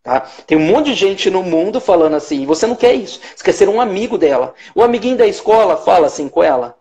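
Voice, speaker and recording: A man's voice: high-pitched, lively intonation, quick pace, a little mellow. A Brazilian man, a hypnotherapist, explaining his methods emphatically in a live-stream interview. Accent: Brazilian Portuguese. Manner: explanatory, emphatic, acts out short quoted lines. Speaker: hypnotherapist guest.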